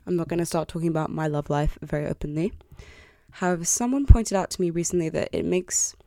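This early-twenties podcast host talks alone in her bedroom, confessional and self-deprecating, offering candid apologies. Her voice is low-pitched and dark in tone. Captured on a close podcast mic, the audio is studio-clean with no room sound.

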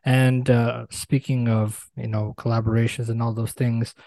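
A male interviewer asks his questions hesitantly, with plenty of fillers. His voice is dark and mellow. The recording is dry, like a video call. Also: mid-range voice, flat delivery, moderate pace, gravelly, no room sound. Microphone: remote video call.

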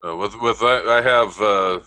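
A man chatting on a radio talk show in a relaxed, storytelling way and laughing easily. His voice is fairly low yet bright and forceful. The sound is dry and close, with no room echo. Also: unhurried. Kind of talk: casual chat.

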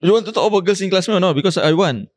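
A young Singaporean man talks very fast in casual Singlish mixed with Malay slang. His voice sits slightly high in a dry, close recording. He pushes his point insistently, repeating words to hold the floor. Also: no room sound. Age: young adult.

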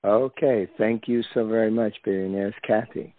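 Male call moderator, low and slow, phone-line sound. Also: steady tone, no echo. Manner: measured, procedural.

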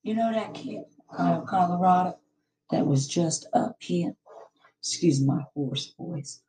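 A woman acting a sleazy, scheming former coworker with a hoarse voice, confiding in a comedy sketch. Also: animated, measured pace, mellow, slight background noise, low-quality recording. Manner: conspiratorial, confiding to listeners in a lowered voice.

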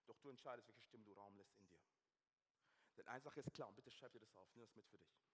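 A man preaching a sermon, shifting from hushed intensity to loud, animated storytelling. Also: on the low side, fast, slightly rough. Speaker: pastor. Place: church hall. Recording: long church hall reverb.

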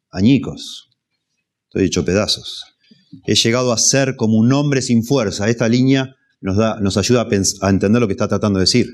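A man preaching an expository sermon, measured and repeating key phrases for emphasis. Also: on the low side. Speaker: pastor.

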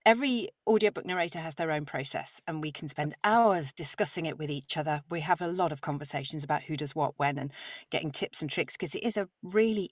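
A woman with a deep voice narrates audiobooks and talks about her craft with real enthusiasm during a podcast interview. The mic sits slightly far from her, and the sound is dry with no echo.

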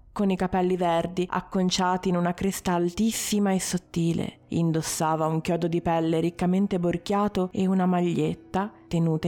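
A woman narrating a story in a measured way, with short dramatic pauses. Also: lowish voice, mellow.

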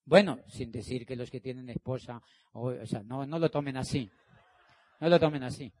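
A man's voice: mid-range voice, normal speed, a little mellow. A middle-aged man speaking to an audience as a motivational speaker. He acts out the dialogue and hammers his points home with emphatic repetition. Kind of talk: animated storytelling talk.

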